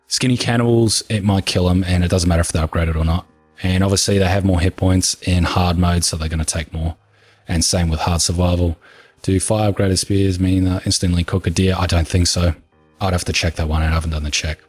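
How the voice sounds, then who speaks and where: A gaming video creator from New Zealand answers viewer questions in a casual Q&A, his low voice calm and soothing with no echo. He stays relaxed, unhurried and matter-of-fact, though he's gone hoarse after talking for over an hour.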